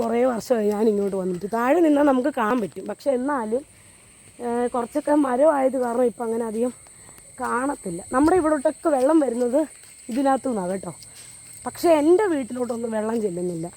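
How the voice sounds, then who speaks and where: A woman's voice: a little high, a little fast, dark tone. A woman from Kerala, talking casually to a handheld phone camera outdoors on a hill while she walks uphill. Her talk is chatty and meandering, full of fillers. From Kerala, India. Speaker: vlogger. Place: outdoors on a hill beside a water tank.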